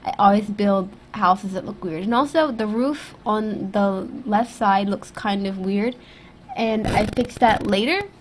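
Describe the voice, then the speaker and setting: Through a USB desktop microphone with slight background noise, a young female YouTube gaming creator rambles over her video. She's casual and self-critical and leans on fillers, and her mid-range voice sounds stuffy and throaty after an illness.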